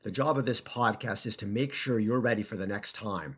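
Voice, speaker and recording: A man with a fairly low voice co-hosts an explanatory podcast. He talks from under a blanket at home, recording on an everyday cell phone. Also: brisk, a bit bright, breathy edge. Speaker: podcast co-host, personal finance columnist.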